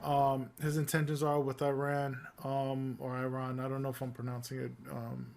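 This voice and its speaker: A man's voice: medium pitch, moderate pace, creaky, a little hiss or hum. A man co-hosting a podcast, chatting loosely about politics with lots of fillers and restarts. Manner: rambling, many fillers and restarts, relaxed. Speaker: podcast co-host. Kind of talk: casual political discussion.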